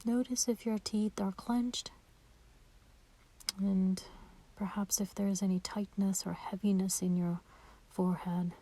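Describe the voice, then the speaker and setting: A woman with a mid-range voice guides a meditation, speaking softly and breathily in a warm, relaxed, dark tone with nothing sharp in it. Her instructions are gentle, slow and soothing, with space left between phrases.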